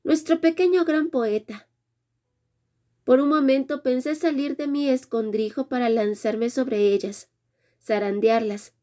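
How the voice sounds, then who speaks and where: A woman reads a first-person romance story aloud in a measured, dramatic way. Her voice sits a little higher than most women's, yet the tone stays soft and mellow. She carries the narration steadily at an even pace. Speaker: audiobook narrator.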